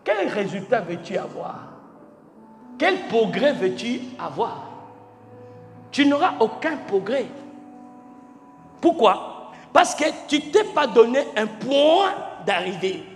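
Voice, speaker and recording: Very high-voiced man preaching in echoing hall. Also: big pitch swings, slow pace, long pauses. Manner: emphatic preaching, swinging from shouts to near-quiet; spells out words letter by letter, asks the congregation questions. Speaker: pastor. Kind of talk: sermon. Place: large church hall. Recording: echoey church hall with faint music.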